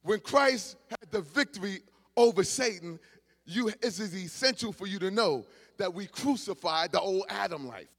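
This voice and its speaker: A male preacher with a high voice delivers a sermon to his congregation. He drops into quiet, conversational asides, then builds into loud, shouted exhortations. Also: expressive, moderate pace. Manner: swings from low murmurs to shouted exhortation. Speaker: pastor.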